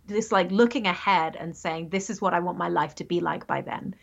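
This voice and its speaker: Chatty woman in her thirties, gravelly. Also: fairly low pitch, fairly quick. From England. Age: 30s. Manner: chatty, rambling, self-correcting with laughs. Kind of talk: casual chat. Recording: dull lo-fi sound.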